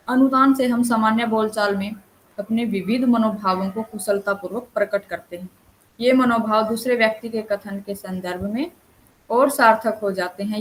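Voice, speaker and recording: A woman's voice: medium pitch, a little hiss or hum, poor audio. A woman counsellor giving an online lesson, explaining points and reading out short examples. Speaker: counsellor teaching Hindi language. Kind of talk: online lecture.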